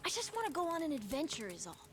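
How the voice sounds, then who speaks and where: A woman acts as a plucky, inquisitive island kid in a video game cutscene, her delivery youthful, casual, offhand, and earnest, both eager and wistful. She talks fast in a high voice with big pitch swings, and music is clearly audible under her lines.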